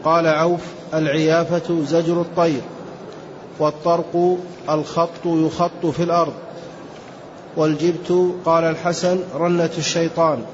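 A student reading a classical text aloud in a steady recitation. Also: male voice, fairly high pitch, normal speed. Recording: dull lo-fi recording with faint hiss.

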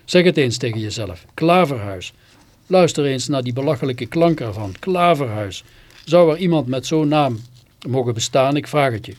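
A man on literary radio reads a first-person tale aloud. His delivery is theatrical and scornful, with sudden bitter outbursts, and his voice sits at an ordinary middle pitch. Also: lively intonation, fairly quick, darkish tone. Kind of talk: dramatic first-person story reading.

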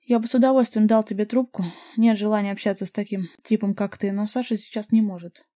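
A woman reading an audiobook, voicing a mocking adult man who drawls his words slowly. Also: mid-range voice, steady tone, mellow, dry recording, lightly acted. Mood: irritated. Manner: mocking, drawn-out.

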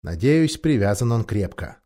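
A man voicing a cautious young boy who speaks low and warily. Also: very animated, moderate pace, warm tone. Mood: wary.

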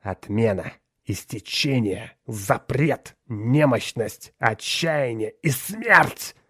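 A man voicing a gaunt old accountant, slow and solemn. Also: lowish voice, expressive, no room sound, studio quality. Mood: commanding. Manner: slow, measured, solemn proclamations. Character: tall gaunt old male accountant, cold and commanding. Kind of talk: audiobook character voice.

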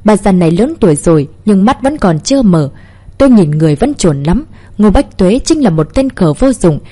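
A woman voicing a stern old grandmother who heads the family, scolding loudly and harshly. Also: mid-range voice, husky.

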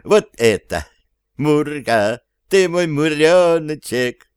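Man reading as a cheeky talking cat in an audiobook, pleased with himself, in a smooth, clear voice. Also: on the high side, animated, a little slow, no room sound, studio quality, voice pushed up. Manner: cheeky, triumphant.

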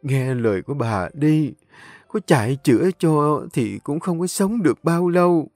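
A frail old grandmother near the end of her life, played by a male storyteller, pitched well above his own voice and kept soft and slow. She sounds resigned and loving, heard close and dry over faint music. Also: animated, no room sound. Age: older.

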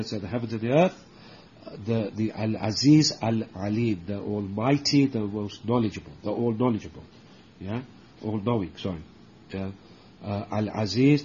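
Halting male teacher on a dull lo-fi recording. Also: medium pitch, mellow, a little hiss or hum. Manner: halting, many fillers and restarts, frequent "okay?" checks; recites Arabic verses quickly. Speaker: Islamic teacher. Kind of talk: religious book lesson.

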